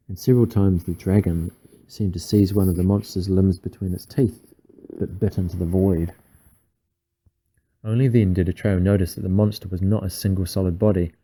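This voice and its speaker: A man reading a bedtime story aloud in an unhurried, hushed storytelling manner. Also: sits low, poor audio. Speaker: reader.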